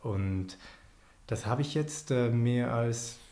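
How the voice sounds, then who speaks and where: A man from Switzerland with a Swiss accent, a podcast guest telling stories in a relaxed way with many fillers. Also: medium pitch, slow pace. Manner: relaxed storytelling with frequent fillers. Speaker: podcast guest, performance artist. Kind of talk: casual conversation. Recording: roomy echo.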